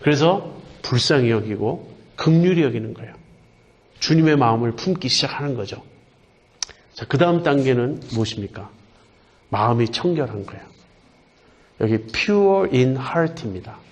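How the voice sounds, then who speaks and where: A male pastor preaching a sermon in an earnest way. He asks questions and answers them himself, and slows down to stress key words. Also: mid-range voice, animated, lo-fi sound.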